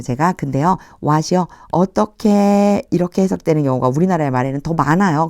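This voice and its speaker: A woman teaching an English Bible reading lesson. She reads each English phrase slowly, then explains it in a friendly, chatty way. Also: lowish voice, darkish tone, no echo, clean studio sound. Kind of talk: Bible verse translation lesson.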